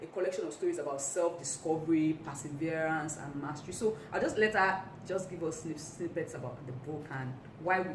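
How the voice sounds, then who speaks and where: A woman's voice: low voice, a little fast, few pauses. Chatty woman host in an echoey room. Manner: loose, chatty, with many fillers. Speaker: event host. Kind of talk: casual event introduction. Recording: echoey room, distant mic, noisy.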